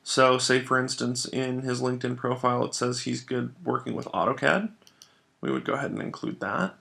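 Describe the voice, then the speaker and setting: Narrating a software tutorial, this trainer goes through each step instructionally and explains it along the way. His creaky voice sits at medium pitch, and he keeps a moderate pace.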